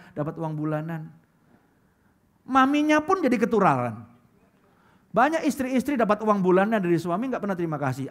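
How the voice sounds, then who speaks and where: Lively male pastor preaching. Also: high-pitched. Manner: lively preaching, swings between loud calls and quiet asides; acts out quoted churchgoers in put-on voices. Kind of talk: sermon. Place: church hall.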